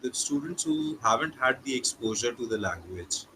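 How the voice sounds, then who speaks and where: A man's voice: mid-range voice, expressive, normal speed, noisy background. A man from India with an Indian English accent, hosting a casual interview and often saying "okay" and repeating words. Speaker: host.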